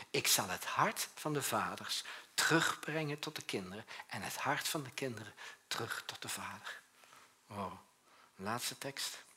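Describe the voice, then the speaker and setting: Husky, forceful preaching man. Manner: swings between loud urgent bursts and quiet, low passages; conversational preaching, often tags on a questioning "hè?". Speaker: pastor. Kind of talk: sermon.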